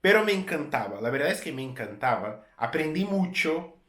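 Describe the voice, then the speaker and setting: A relaxed Brazilian man in his thirties, native in Portuguese and carrying a Brazilian accent, casually relates a story to camera as a travel vlogger. His slightly high voice keeps a moderate pace in a reverberant space, and mid-sentence he often repeats and corrects himself.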